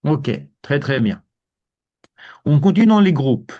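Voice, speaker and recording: Man, teacher, relaxed, many "ok", rather high voice, dull lo-fi sound. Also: a little slow. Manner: relaxed, repeats words, many "ok" and "hein". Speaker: Tibetan language teacher. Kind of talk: live online lesson with students.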